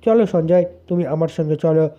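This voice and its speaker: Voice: medium pitch, fairly quick, warm tone, muffled recording, close to an everyday voice. A narrator voicing an indignant young bride. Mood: firm. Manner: indignant, scolding. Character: angry possessive young bride.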